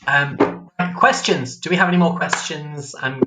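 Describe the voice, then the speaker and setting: A man's voice: a little high, measured pace, over music. A man hosting a casual livestream chat as a drag queen, giggly and chatty, reading out viewer comments. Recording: echoey room.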